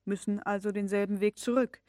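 A woman's voice: mid-range voice, fairly even intonation, brisk, mellow, no room sound, clean studio sound, lightly acted. Female reader as an exhausted young man, pleading and agitated. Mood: urgent.

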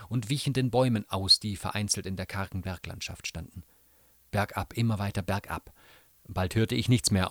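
A man reading a novel aloud in an expressive, dramatic way. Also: fairly low pitch, no room sound, clean studio sound. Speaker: reader. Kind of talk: literary reading.

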